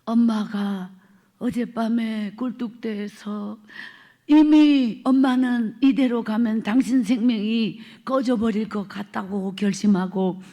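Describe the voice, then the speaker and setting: A woman evangelist with a strong Gyeongsang accent tells her life story from the pulpit at a revival meeting. Her voice sits high, and she tells it dramatically, acting out scenes and sometimes sinking to a whisper. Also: fairly even intonation, slow, warm tone. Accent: Gyeongsang Korean. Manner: dramatic storytelling, acts out quotes, drops to whispers. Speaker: evangelist preacher. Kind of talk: revival sermon testimony.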